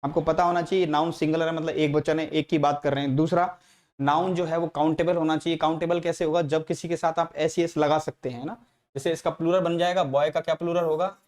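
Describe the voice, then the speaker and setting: A man's voice: fairly high pitch, level tone, brisk, darkish tone. A man teaching a grammar lesson, repeating each example and checking in with frequent tag questions. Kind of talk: classroom lecture explaining English grammar.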